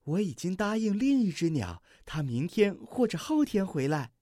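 A storybook reader voicing a kind, playful young deer in a soft, gentle, yielding voice. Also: medium pitch, big pitch swings, moderate pace, no echo, clean studio sound, pitched above the performer's own voice, natural voice.

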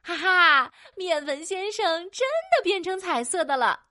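Animated woman narrating a children's story. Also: very high-pitched, moderate pace, no room sound, clean studio sound. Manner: animated, playful, sound-effect words.

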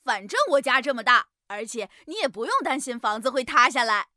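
A woman's voice: fairly high pitch, animated, brisk, pushed and bright, no room sound, clean studio sound. A woman voicing a kind, modest young beaver in a children's audio story, speaking in a friendly, patient way. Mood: generous.

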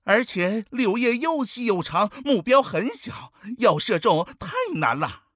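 A man voicing a curious young soldier in a children's story, chattering quickly. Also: sits high, big pitch swings, fairly bright tone, no echo, clean studio sound, pitched above the performer's own voice, heavily acted.

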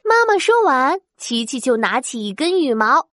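Animated sing-song woman storyteller. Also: high-pitched, normal speed, dry recording, faint music behind. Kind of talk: children's story narration.

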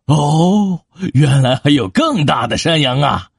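Woman doing a gravelly greedy bridge troll. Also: animated, takes it slowly, dry recording, clean studio sound, full character voice. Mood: gloating. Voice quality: gravelly, husky. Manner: booming, gloating, swooping pitch. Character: menacing hungry bridge troll, male, big. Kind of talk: storybook reading.

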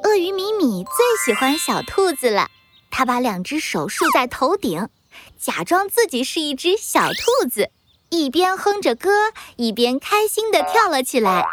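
A woman storyteller narrates for children in a high voice with animated, swooping intonation. Music plays behind her. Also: a little slow.

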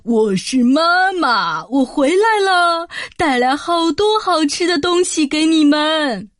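A woman's voice: sits high, expressive, dry recording. A woman doing a sly coaxing wolf. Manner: slow, drawn-out coaxing. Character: sly big bad male wolf faking mother's voice. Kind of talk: storybook narration.

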